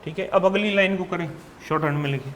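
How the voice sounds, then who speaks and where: A man's voice: a little high, fairly bright tone, a little hiss or hum. A man teaching a shorthand class, patiently reading practice words out one at a time. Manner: reads out word lists one by one, patient and deliberate.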